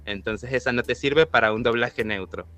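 A man with an ordinary mid-range voice talks through a casual podcast conversation. He explains calmly and patiently, and laughs easily. Faint music sits underneath. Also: mid-range voice, normal speed. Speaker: voice actor guest.

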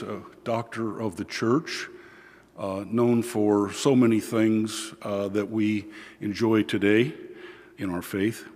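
A man preaching as a priest at church, reading scripture and giving a homily in a measured, deliberate way, with pauses. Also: lowish voice, a little mellow. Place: large church, indoors. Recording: long cathedral echo, large hall.

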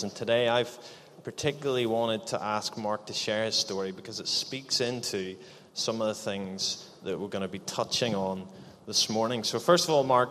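A man's voice: mid-range voice, fairly bright tone, slight background noise. A man leading a live church interview, upbeat and encouraging as he prompts his guest with questions. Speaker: church leader hosting an interview. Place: church hall. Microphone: handheld microphone. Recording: echoey church hall.

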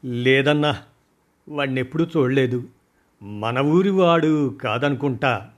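A man's voice: mid-range voice, slow pace, lightly acted. A man voicing a nervous young male underling who answers in a hesitant, placating way.

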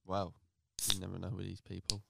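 A man's voice: sits low, completely flat delivery, brisk, gravelly. A teenage boy on his first podcast appearance, nervous and joking with friends. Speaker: podcast guest. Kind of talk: casual chat. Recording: loud background noise.

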